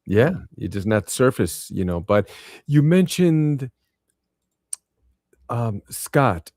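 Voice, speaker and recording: A man's voice: medium pitch, sing-song, slow, a little mellow, no room sound, clean studio sound. A man with a Brooklyn accent hosting a casual conversation, talking in a streetwise, colloquial way and often repeating phrases. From Brooklyn, New York. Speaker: podcast host.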